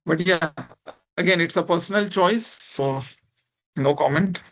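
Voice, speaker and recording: High-pitched and fairly bright, the man's voice moves at a measured pace over dull audio. He is a speech technology researcher and lecturer from India, a native speaker of a minority Indian language, giving an encouraging, casual interactive online talk in Indian-accented English, with frequent "right?" and "you know."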